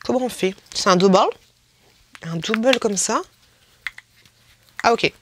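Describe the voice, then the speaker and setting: A woman's voice: a little slow, slight background noise. A young woman chatting casually through a beauty haul, playful and self-mocking. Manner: chatty and playful, mocks squeaky influencer voices. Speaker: beauty vlogger. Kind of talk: casual haul video chat.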